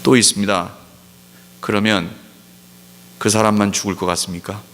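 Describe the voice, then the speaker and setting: A man preaching a sermon as pastor, pressing his points with emphatic rhetorical questions and slowing down to stress key words. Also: lowish voice, steady tone, a bit bright, a little hiss or hum. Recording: long hall reverb.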